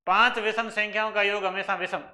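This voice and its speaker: A man with a Rajasthani accent gives an exam-prep maths lesson. His voice sits high and sounds bright and forceful. He walks through each problem step by step, posing questions and answering them himself. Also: steady tone, a little fast. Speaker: maths teacher.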